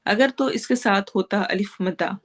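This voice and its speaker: A woman teaching Quran recitation rules, reciting each phrase slowly and drawn out, then explaining the rule quickly in plain classroom speech. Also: mid-range voice. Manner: gives students homework and practice.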